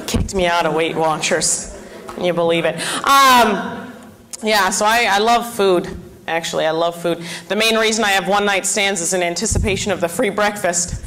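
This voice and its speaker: A woman in her twenties does a self-deprecating stand-up set on a club stage, delivering deadpan punchlines and chatting to the crowd in asides. Her voice is mid-range, and the audio quality is poor.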